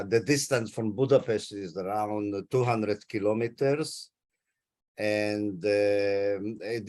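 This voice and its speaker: This low, somewhat dark voice belongs to a Holocaust survivor in his eighties from Hungary. Speaking his native Hungarian, he is interviewed over video call and goes carefully through his family's history.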